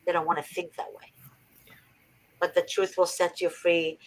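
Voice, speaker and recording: A woman's voice: lowish voice, level tone, normal speed, low-quality recording. A woman from Egypt hosting a faith-based advice talk, earnest and preachy with emphatic repetition. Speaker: host.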